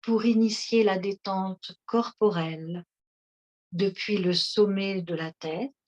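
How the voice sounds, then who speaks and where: A woman leading a guided seated relaxation session, speaking in a slow, soothing, instructive way. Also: medium pitch, fairly even intonation, a little mellow. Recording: dull lo-fi recording.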